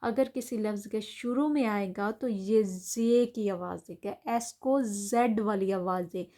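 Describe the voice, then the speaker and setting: A woman with a warm, mid-range voice gives a German pronunciation lesson. She explains letter sounds patiently, often repeating herself, with small fillers and restarts.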